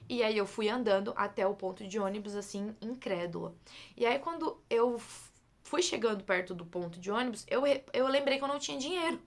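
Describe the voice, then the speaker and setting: A young Brazilian woman chatting through a personal story at a quick clip. Her voice has a touch of gravelly fry, and she repeats words for emphasis and keeps calling out to her listeners. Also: a little high, animated.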